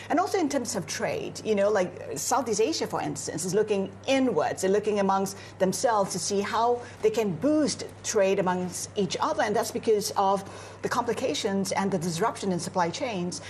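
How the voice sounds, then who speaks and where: A Singaporean woman working as a news anchor analyzes world affairs during a live broadcast discussion on location in Beijing. Her mid-range voice has a darkish tone, with slight background noise. She speaks fluently and analytically, sprinkling in many "you know" fillers.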